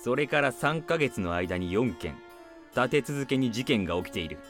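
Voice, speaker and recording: A woman playing a pompous, gruff, quick-tempered male mouse police inspector in an audio drama, imperious and blustering. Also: extremely low pitch, lively intonation, soft background music. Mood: grave, gruff.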